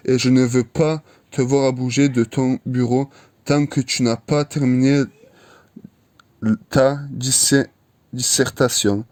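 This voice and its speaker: A man reading a comic aloud, voicing a stern parent who scolds a lazy kid, with some halting restarts. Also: mid-range voice, level tone, darkish tone, close to an everyday voice. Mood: scolding.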